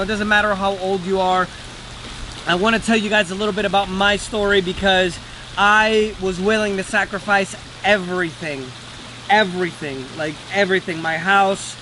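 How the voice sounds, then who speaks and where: A Venezuelan day trader who teaches trading gives a casual, earnest motivational talk to camera in a high-pitched voice. He repeats words for emphasis, and background noise is audible.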